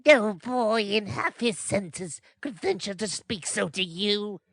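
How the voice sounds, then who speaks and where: A man's voice: sits high, lively intonation, takes it slowly, fairly bright tone, no room sound, voice pushed up, exaggerated voice. A man voicing a fussy, flustered middle-aged woman, the undertaker's wife.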